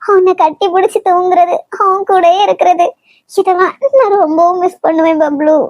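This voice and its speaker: A woman's voice: extremely high pitch, fairly even intonation, normal speed, a little mellow, dry recording. A woman voicing a bossy but loving older sister in a cartoon, scolding and teasing. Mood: tender.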